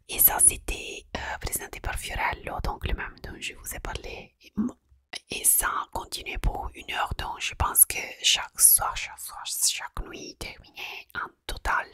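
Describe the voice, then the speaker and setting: A woman whispers in soft ASMR style, with an Italian accent. The sound is bright and very dry, as if right at the microphone. She talks casually and haltingly, often feeling for the next word. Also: no echo. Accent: Italian accent in French. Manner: hesitant, searching for words in French. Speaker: ASMR creator. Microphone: close microphone. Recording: close, dry whisper recording.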